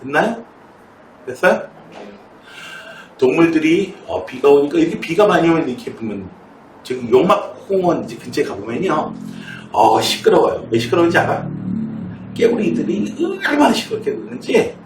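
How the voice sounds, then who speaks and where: A man's voice: a little high, big pitch swings, normal speed, slight background noise. A middle-aged man teaching math in a classroom and telling a story, chatty and often asking students questions, recorded from a distance in an echoey room. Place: academy classroom in Seoul.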